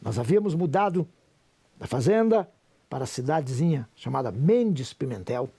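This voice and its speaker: A man's voice: medium pitch, big pitch swings, normal speed, creaky, dark tone, husky. A Brazilian man in his sixties, a pastor, giving an emotional, preacher-like personal testimony with a Brazilian Portuguese accent. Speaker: pastor and businessman.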